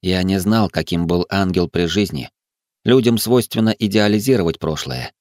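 Man reading a novel out loud, lowish voice, dry close sound. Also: moderate pace, dry recording. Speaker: audiobook narrator. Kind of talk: first-person audiobook narration.

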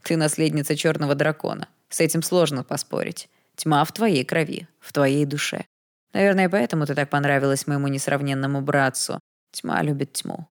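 A woman's voice: deep voice, steady tone, moderate pace. A woman voicing an arrogant, mocking young male prince in an audiobook, with a smug, teasing manner. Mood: cold. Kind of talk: audiobook character voice.

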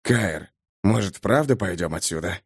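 An uneasy companion , voiced by a male narrator, murmurs wary, hushed lines. His pitch moves a lot over a dry sound. Storybook reading. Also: very animated, brisk, dry recording. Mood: scared.

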